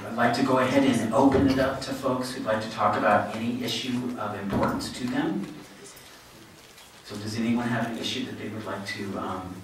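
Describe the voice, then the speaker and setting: A man with a low voice chairs a public hearing, politely moving the agenda along and thanking those who attended. His voice sounds distant and echoes heavily around the hall, with faint noise underneath. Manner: polite, procedural, thanks people. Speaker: meeting chair.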